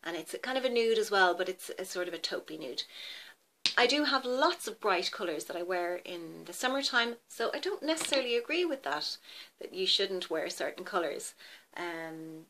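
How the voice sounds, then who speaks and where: A woman's voice: fairly low pitch, animated, normal speed, pushed and bright. A woman beauty vlogger chatting casually to camera about products, rambling a little and stopping to check names.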